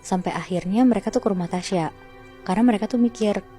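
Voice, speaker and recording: Woman telling a ghost story to a friend, casual slangy chat, soft music behind. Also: mid-range voice, fast. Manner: chatty, slangy, keeps addressing her listener. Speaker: horror story narrator.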